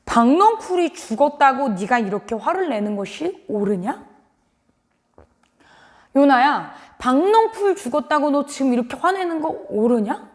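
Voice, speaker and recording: A woman voicing God, calm and patient, gently questioning a prophet in a children's Bible story. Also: high voice, moderate pace.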